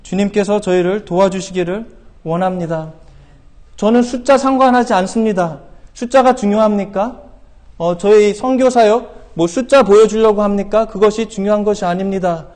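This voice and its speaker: A middle-aged man preaching a sermon in a church, earnest and exhorting, with rhetorical questions and frequent hesitations. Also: high voice. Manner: shouts quoted scripture loudly and slowly. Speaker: missionary preacher. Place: church sanctuary.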